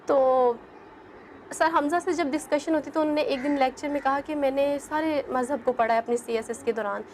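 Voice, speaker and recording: A young woman from Pakistan with a high, light voice tells her own story as an interview guest. She speaks earnestly and keeps assuring the listener to believe her. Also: fairly even intonation, a little hiss or hum. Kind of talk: personal testimony in an interview.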